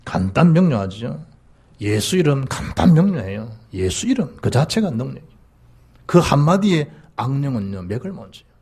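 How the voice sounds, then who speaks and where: A male pastor with a Gyeongsang Korean accent, preaching a sermon in an animated manner that rises to emphatic peaks and drops low. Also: normal speed, husky. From South Gyeongsang, South Korea.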